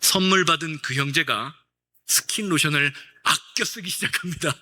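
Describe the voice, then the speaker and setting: A man's voice: on the high side, moderate pace, bright, forceful tone. A male pastor preaching a Sunday sermon, telling a story with acted-out dialogue and questions to the congregation.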